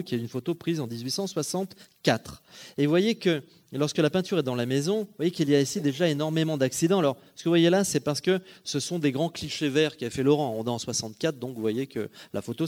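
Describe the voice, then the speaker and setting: Man, lecturer, slide talk, hesitant, self-correcting, middle pitch. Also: darkish tone. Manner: addresses audience directly, checking understanding. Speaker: art history lecturer.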